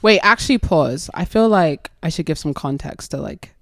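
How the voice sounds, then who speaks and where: A woman's voice: low voice, animated, normal speed, a bit bright, no echo, studio quality. A woman in her twenties hosting a casual chat, giggly and rambling, with religious exclamations. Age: 20s. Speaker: host.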